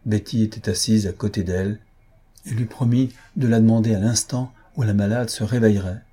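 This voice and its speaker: A man narrating an audiobook of a classic novel, with even, literary storytelling. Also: fairly low pitch, a little fast, breathy edge. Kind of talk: scripted narration.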